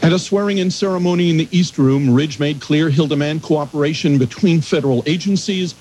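Raspy american guy reporter, slightly high voice, reading news. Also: fairly quick, a little mellow, rough recording. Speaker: news correspondent.

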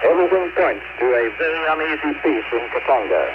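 A man's voice: fairly high pitch, expressive, a little fast, phone-quality sound, background noise. A man reading a scripted news dispatch as a foreign correspondent, in a formal, declarative way over a shortwave radio feed.

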